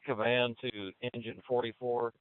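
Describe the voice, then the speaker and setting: A man with a clear, middle-pitched voice works the firefighter radio as battalion chief. The transmission is dry and squeezed into a narrow band. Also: little pitch movement, moderate pace, no room sound. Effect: two-way radio transmission.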